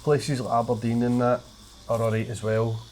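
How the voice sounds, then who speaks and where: Guesting on a podcast, this Glasgow-born comedian chats casually in a broad, thick Glaswegian Scottish accent, swearing now and then, using Scots wording and stuttering slightly at times. His medium-pitched voice is level, a little mellow and at normal speed. The recording is rough, with slight background noise.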